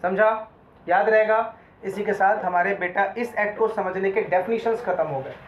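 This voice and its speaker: In a classroom, a male law lecturer blends Hindi with English terms, often questioning his students and calling them "beta." His high-pitched voice moves at a moderate pace. There's a little hiss or hum, and the echoey room sounds dull and lo-fi.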